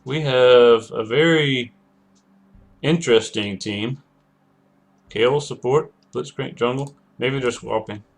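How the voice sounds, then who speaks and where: Slow and pausing often, a man with a mid-range voice chats casually through his gameplay stream. He wanders off topic and keeps correcting himself, and his voice cracks because he has a cold.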